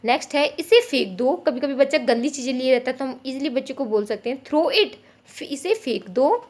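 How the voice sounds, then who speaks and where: A woman's voice: sits high, lively intonation, brisk, a little mellow. A woman giving a friendly, explanatory home tutorial for parents, acting out little phrases said to a child. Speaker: parenting teacher. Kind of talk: informal Hindi tutorial.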